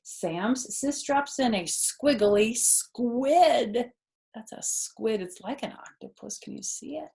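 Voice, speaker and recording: Her voice is a little high and creaky, moving at a slow pace, as she reads to children in the living room. She's a grandmother in her fifties who reads expressively, adding simple asides, explaining words simply, and asking the children questions.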